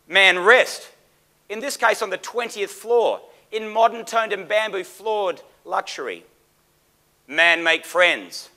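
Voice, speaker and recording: With a high-pitched, sharp voice, a man performs the auctioneer role, calling bids and pitching theatrically in a formal manner with dramatic emphasis.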